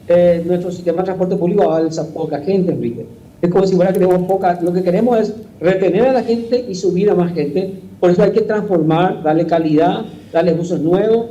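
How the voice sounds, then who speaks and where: A man with a high yet very mellow, dark voice works through his points like a patient lecturer, building on everyday examples. His voice comes through as dull, lo-fi broadcast audio. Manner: patient lecturing, gives examples, keeps addressing the host by name. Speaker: transport official guest. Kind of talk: explanatory studio interview.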